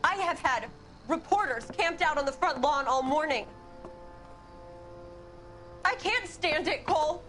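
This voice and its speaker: A hurt, reproachful wife. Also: female voice, sits high, expressive, unhurried, pauses often, a bit bright, faint music behind. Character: upset wife of a disgraced detective, a mother. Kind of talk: video game cutscene acting.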